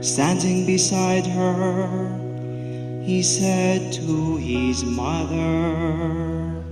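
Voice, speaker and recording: A priest or deacon slowly chanting the Gospel at Mass, his intoned voice ringing in a cathedral echo. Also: a little high, little pitch movement. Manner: slow, intoned, half-sung chant. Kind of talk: chanted liturgical Gospel reading. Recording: cavernous church reverb with music behind.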